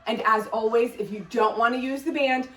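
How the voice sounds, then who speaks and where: A high-pitched woman leads a workout as the instructor, counting reps and calling out form cues in an upbeat way. She exercises along with the class as she talks. Her voice is picked up from some distance in an echoey room. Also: fairly even intonation, normal speed, a bit bright. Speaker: fitness instructor.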